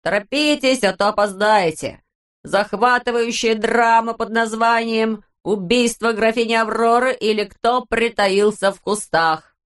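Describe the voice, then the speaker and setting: A woman's voice: on the high side, voice pushed up, natural voice. A woman doing a pushy fairground barker. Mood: hawking. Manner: calling out, slow and drawn-out. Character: young male fairground barker, loud and pushy.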